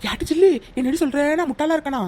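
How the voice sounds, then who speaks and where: Give me a vain, chatty young village wife in a cartoon, voiced by a woman, a bit high and very quick. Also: close to an everyday voice. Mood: scolding. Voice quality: loud, scolding village banter. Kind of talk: cartoon voice acting.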